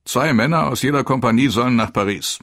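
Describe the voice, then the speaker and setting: Man reading as a brisk army captain giving orders. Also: mid-range voice, a bit bright, no echo, studio quality, voice pushed up. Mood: businesslike.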